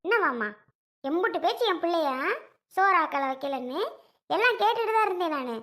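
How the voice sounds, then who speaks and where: A woman's voice: very high-pitched, animated, sharp tone, full character voice. Woman as an indignant mother confronting her in-laws. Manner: confrontational, quick retorts. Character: indignant middle-aged mother defending her daughter. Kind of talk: family comedy skit.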